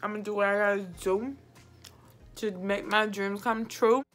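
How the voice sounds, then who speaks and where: A woman's voice: medium pitch, fairly even intonation, moderate pace, over loud music. A woman in her twenties chatting casually to camera as a makeup vlogger, with a tipsy, giggly, rambling drunk manner. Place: small indoor home set, close to camera.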